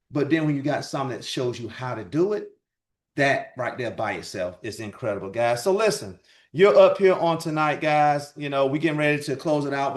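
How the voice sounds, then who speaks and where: A man's voice: on the high side, echoey room. A man presenting a product and business opportunity to an audience, upbeat and repeating "right?" and "guys" as he goes. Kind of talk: sales pitch presentation.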